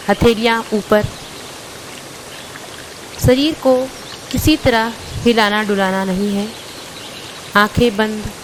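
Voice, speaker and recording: A woman leading a guided yoga nidra meditation, calm and instructive, with long pauses between short phrases. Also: fairly high pitch, noisy background.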